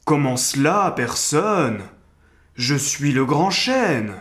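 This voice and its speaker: A great old oak tree with a big, gruff voice, speaking slowly and sternly like a patient teacher, as a man reading the tale puts it on. Storybook reading. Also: on the high side, big pitch swings, a bit bright, heavily acted. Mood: stern, wise.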